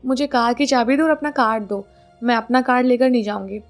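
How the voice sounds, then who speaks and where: A woman voicing a brisk, practical young wife. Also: a little high, soft background music, close to an everyday voice. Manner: brisk, organizing, gently insistent.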